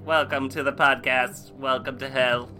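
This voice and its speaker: A man doing a loud, pompous stranded alien. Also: medium pitch, level tone, measured pace, over music, pitched above the performer's own voice, close to an everyday voice. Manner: loud, stiff, formal announcer-like delivery. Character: pompous male alien stranded after a crash. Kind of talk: improvised comedy role-play.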